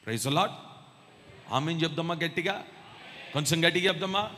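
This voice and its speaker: High bright-voiced man preaching. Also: moderate pace. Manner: emphatic, calls the congregation to respond. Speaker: pastor. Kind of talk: sermon. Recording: long hall reverb.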